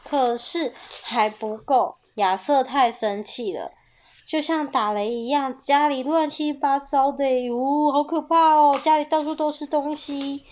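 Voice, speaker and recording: A woman reading a picture book aloud to children in a playful, animated storytelling manner, calling out the characters' shouted lines. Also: high voice. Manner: lively, playful, loud bursts for quoted shouts.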